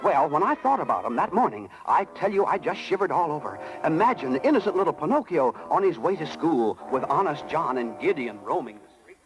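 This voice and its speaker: A man's voice: fairly high pitch, big pitch swings, brisk, low-quality recording. A man playing a small, chatty cricket conscience, folksy and confiding, in a 1930s radio drama. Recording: vintage radio broadcast with music.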